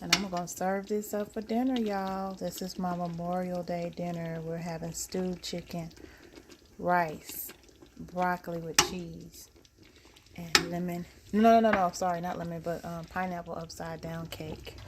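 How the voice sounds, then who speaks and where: A woman's voice: fairly low pitch, flat delivery, a little slow. Chatty woman cooking in a noisy kitchen. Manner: chatty, keeps calling viewers y'all. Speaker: cooking vlogger. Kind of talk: casual cooking demonstration. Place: home kitchen.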